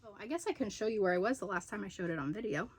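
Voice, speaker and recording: A woman's voice: medium pitch, expressive, racing, slight background noise. A woman chatting casually in a home video as she shows off her craft projects. She rambles a little and stops to remember details. She sounds slightly out of breath after being ill. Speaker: crochet and knitting vlogger. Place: room at home with poor lighting.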